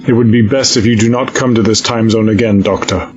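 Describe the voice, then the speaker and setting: An actor playing a stern, distrustful admiral in an audio drama, accusing and coldly angry. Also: male voice, on the low side, fairly even intonation, fairly quick, lo-fi sound, soft background music, lightly acted. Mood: grim warning.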